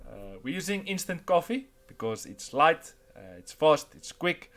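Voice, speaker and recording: With a slightly high, sing-song, somewhat bright voice, a South African man speaking with an Afrikaans accent vlogs his hike along a rainforest trail at a measured pace. His narration is casual, plain and encouraging, peppered with fillers.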